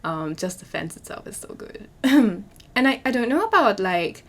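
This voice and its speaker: A young woman with a hoarse voice, chatting and rambling as a voiceover for her game building video, full of fillers and restarts. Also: mid-range voice, sing-song, normal speed. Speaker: Sims speed-build YouTuber.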